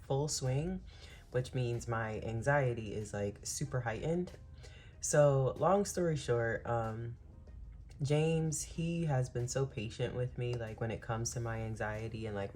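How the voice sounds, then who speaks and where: A woman's voice: extremely low pitch, a little mellow. Woman, planning-channel host; casual, rambling and confiding, heavy on fillers, talks straight to viewers. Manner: addresses viewers as "y'all"; open and personal about feelings. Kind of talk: casual confiding vlog chat.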